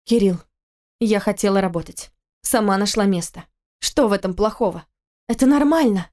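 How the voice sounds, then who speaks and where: A woman's voice: medium pitch, moderate pace, darkish tone, close to an everyday voice. A woman reading the part of a young wife and mother in an audiobook, speaking in a defensive, pleading, indignant way.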